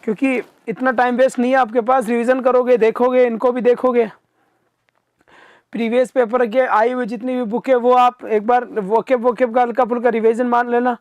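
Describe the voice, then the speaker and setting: A man teaching an exam-prep vocabulary class live online, coaxing his students to answer quickly and replying to their comments. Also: very high voice, flat delivery, dry recording. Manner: reads out viewer comments and answers them.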